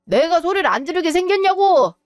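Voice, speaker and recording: A resentful divorced son, quick to shout and full of grievance, acted by a woman. The voice sits a little high and sounds close and dry. Soft music plays underneath. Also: expressive, no echo, natural voice. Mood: furious. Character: bitter divorced adult son, hot-tempered. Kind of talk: Korean web drama voice acting.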